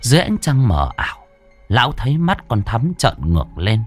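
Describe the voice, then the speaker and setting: Husky-voiced man telling a ghost story. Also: medium pitch, huge pitch swings, normal speed, soft background music. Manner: dramatic, ominous delivery.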